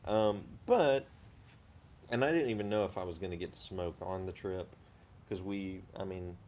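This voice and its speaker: A man with a low voice hosts a casual livestream. He talks in an unhurried way and explains items in detail, over a faintly noisy background. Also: darkish tone. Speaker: host of a pipe-smoking live chat.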